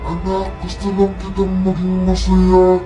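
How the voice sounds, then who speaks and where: A woman's voice: fairly low pitch, monotone, pitched below the performer's own voice, natural voice. A woman doing an eerie impostor mother. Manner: slow, repeats words in a haunting way. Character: eerie impostor mother, sickly sweet and menacing. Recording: music playing over the voice.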